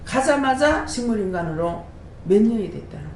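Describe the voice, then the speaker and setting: A woman who directs a prayer house gives a lively testimony sermon, tossing rhetorical questions to the congregation at normal speed. The room is echoey with a faint rumble.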